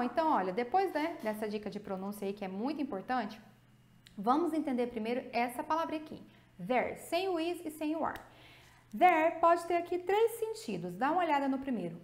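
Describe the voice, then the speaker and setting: Lively Brazilian woman teaching English grammar. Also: high voice, echoey room. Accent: Brazilian Portuguese. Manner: lively, explanatory, drawn-out example words. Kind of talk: grammar video lesson.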